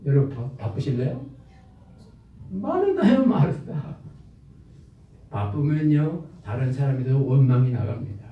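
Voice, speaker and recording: A man's voice: medium pitch, sing-song, unhurried, pauses often, muffled recording, slight background noise. A male pastor preaching a sermon in a church sanctuary, emphatic and full of rhetorical questions to the congregation. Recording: echoey church hall, mic far off.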